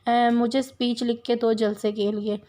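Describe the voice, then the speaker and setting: A woman voicing a stubborn, sharp-tongued young woman student who answers back defiantly. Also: on the high side, level tone, a little slow, lightly acted. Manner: irritated, defiant.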